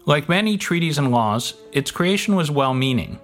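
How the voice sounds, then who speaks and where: A man's voice: a little high, lively intonation, normal speed, a bit bright. A man hosting a podcast, reading scripted narration in a dry, wry way with casual swearing. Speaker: podcast host. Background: faint music.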